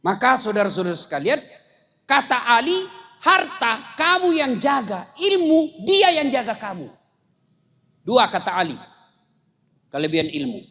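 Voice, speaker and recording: High-voiced joking preacher man. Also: huge pitch swings, unhurried, pauses often, bright, forceful tone. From South Sulawesi, Indonesia. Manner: storytelling with jokes, raises voice for punchlines. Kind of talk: humorous sermon to a crowd.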